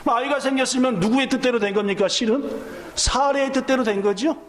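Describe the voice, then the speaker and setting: A man's voice: extremely high pitch, fast talker, roomy sound, a little hiss or hum. A male pastor preaching a sermon, firing questions at the congregation and acting out the lines of the story. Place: church sanctuary.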